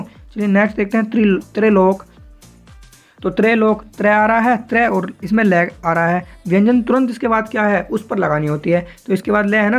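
Gravelly-voiced man teaching step by step. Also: high voice. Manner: patient, repeats points, often asks if it is clear. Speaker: shorthand teacher. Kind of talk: explaining a lesson step by step.

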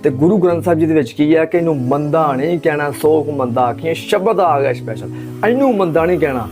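Man, religious speaker, fairly high voice, fervent preaching, repeats points, rhetorical questions, faint music behind. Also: animated, quick pace. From Pakistan. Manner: rhetorical questions and emphatic repetition. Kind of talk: impassioned religious talk.

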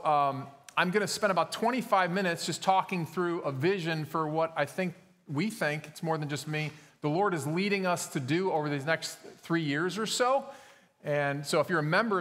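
A man's voice: a little high, moderate pace, fairly bright tone. A male pastor preaching a sermon in a conversational way, with frequent fillers and self-corrections, recorded in a church sanctuary. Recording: long church hall reverb.

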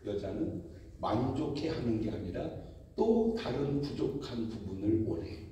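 A male pastor preaching a humorous revival sermon, telling lively stories and mimicking other people's voices. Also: mid-range voice, a little slow, slight background noise. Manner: animated storytelling with mimicked voices and laughter. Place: large church hall. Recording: echoey church hall, picked up from far off.

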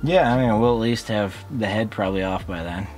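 A man's voice: on the low side, fairly quick, darkish tone, faint music behind. A young man helping with an outdoor car repair, talking bluntly and tersely, with some swearing. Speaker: mechanic helper. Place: outdoors on a street beside a car. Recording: faint background noise.

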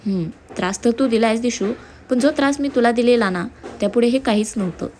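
A woman's voice: a little high, fairly quick, warm tone, slight background noise, lightly acted. A woman voicing a young man who is affectionate and playful, reading a storybook. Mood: tender. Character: young man, tender and teasing groom. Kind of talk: storybook narration.

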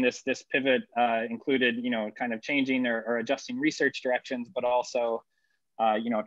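A medium-pitched man's voice comes through dry with no echo but dull audio. Born in El Salvador and raised in Ohio, he's an engineering professor presenting research at a conference over a video call, using many fillers and repeated words.

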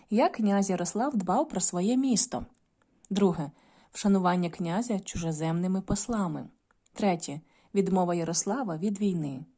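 A woman's voice: fairly low pitch, dark tone, husky. A woman teaching a video lesson to primary school children, patient and instructive, often addressing them directly.

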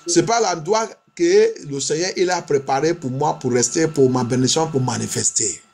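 A male pastor prays and preaches fervently in a charismatic sermon, switching between French and English and chanting repeated phrases insistently. His voice is a little high, creaky, slightly mellow, with a breathy edge, at a moderate pace.

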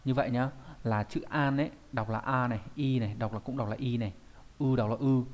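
A man's voice: mid-range voice, steady tone, brisk. A male teacher walks students through a Japanese grammar point in an online lesson. He explains patiently and thinks aloud with small fillers. He keeps checking whether they follow. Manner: explains patiently, often checks with "đúng không?".

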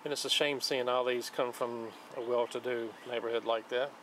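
A man's voice: mid-range voice, little pitch movement, a bit bright, a little hiss or hum. Plain-spoken man showing lake finds. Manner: plain, unhurried, listing items one by one. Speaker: channel host showing magnet fishing finds. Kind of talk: casual show-and-tell narration. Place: outdoors on a wooden dock by a lake.

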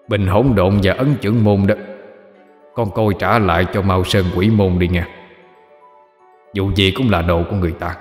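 Brief: man playing old male ancestor ghost, soft, low, gently scolding, faint music behind. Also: echoey room, long reverb tail. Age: older.

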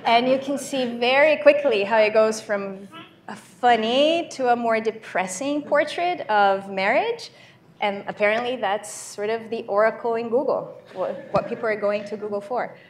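A keynote speaker with a Brazilian accent walks a large lecture-hall audience through a live demo, talking conversationally and saying um often as she explains. She speaks at normal speed in a fairly high voice.

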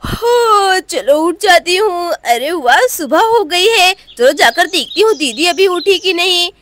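A woman's voice: extremely high pitch, lively intonation, takes it slowly, fairly bright tone, slight background noise, exaggerated voice. A woman voicing a cheerful young woman doing her chores, chatting to herself and humming. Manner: chirpy, talks to herself, hums.

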